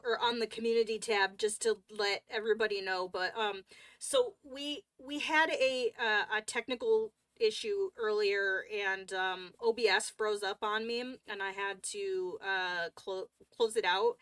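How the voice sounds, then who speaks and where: Chatty slow-talking woman streamer. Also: mid-range voice, a bit bright, no echo. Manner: chatty and rambling, with frequent fillers and restarts. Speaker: coloring livestream host. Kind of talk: casual livestream chat while coloring.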